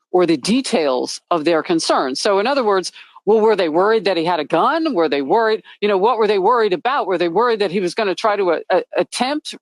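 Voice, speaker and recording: A man's voice: sits high, no echo. A man questioning the news in an incredulous, stumbling way.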